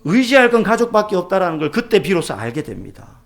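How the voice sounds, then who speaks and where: A man preaching a sermon as pastor, asking rhetorical questions and sometimes dropping to a soft near-whisper. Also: sits high, big pitch swings, quick pace, gravelly.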